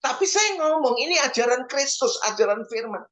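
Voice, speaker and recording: Male preacher, lively sermon delivery, big pitch swings for emphasis. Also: brisk. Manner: animated, swings pitch up for emphasis, keeps addressing listeners as "brothers".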